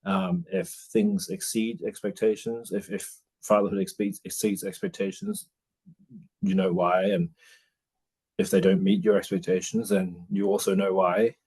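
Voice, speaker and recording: A man's voice: low voice, a little slow, warm tone, husky. A man in his forties from Australia, talking through his thoughts in a casual interview, hesitant, with many restarts and fillers. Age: 40s. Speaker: interview guest, new father.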